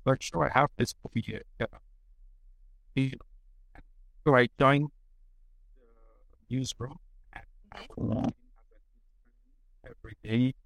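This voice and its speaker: Male guest, gravelly mid-pitched voice, thoughtful, restarts his sentences often. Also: fairly even intonation, fairly bright tone, no room sound, low-quality recording. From Nigeria. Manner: halting, thoughtful, with many restarts. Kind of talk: casual interview.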